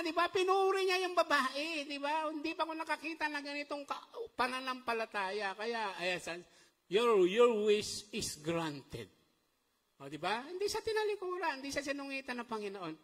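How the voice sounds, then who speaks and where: Middle-aged male pastor, high voice, animated sermon with call-and-response, church-hall reverb.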